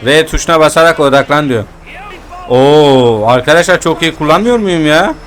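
Excitable young man commenting on gameplay. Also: on the high side, moderate pace, a little hiss or hum. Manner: excitable, swears freely, talks to viewers. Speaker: gaming channel host. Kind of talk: casual let's-play commentary.

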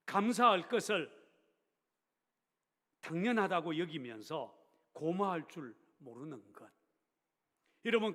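A male pastor delivers a sermon in a church sanctuary, emphatic and swinging between raised, insistent phrases and hushed endings. His voice sits a little high for a man. A long reverb trails after each phrase.

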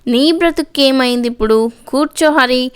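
Woman narrator voicing a steady consoling man in an audio story, firm, clear. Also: sits high, moderate pace, close to an everyday voice. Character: steady caring male friend, consoling elder.

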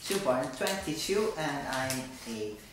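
Low, slow-talking young Italian woman, echoey room. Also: expressive, noisy background. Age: young adult. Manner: teasing, giggly. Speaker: challenge host and scorekeeper. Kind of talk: casual playful chat during a jelly bean taste challenge. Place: indoors, small living room on a sofa. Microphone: camera mic a short way off. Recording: very echoey room with music behind.

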